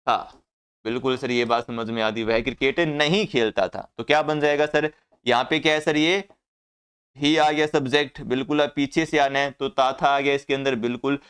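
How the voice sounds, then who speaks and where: Man, English teacher, classroom grammar lesson, clear smooth voice, repeats and answers his own questions. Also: mid-range voice, fairly bright tone.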